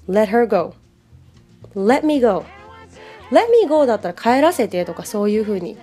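A woman giving a casual pronunciation lesson, chatting with many fillers and slowly modeling English phrases for the listener to repeat. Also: medium pitch, dark tone. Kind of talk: casual solo lesson, podcast-like.

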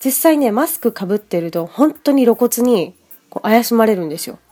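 A woman teaching an English listening lesson for a podcast, chatting casually and then carefully modeling English words slowly, one pronunciation point at a time. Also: on the high side, animated, warm tone. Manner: chatty asides in casual Japanese.

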